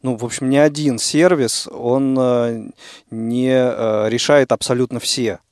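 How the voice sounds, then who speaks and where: A man hosts a radio call-in in a mid-pitched voice with a dry, close sound. His phrasing is hesitant and stop-and-start as he chats and questions. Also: fairly even intonation, unhurried, a little mellow, clean tone, no room sound. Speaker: radio host. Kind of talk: live call-in show chat.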